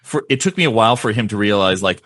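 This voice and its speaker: Low-voiced guy on a podcast, super animated, jokey, pitch jumps all over. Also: quick pace. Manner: animated, jokey, does comic impressions. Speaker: podcast co-host. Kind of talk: casual chat.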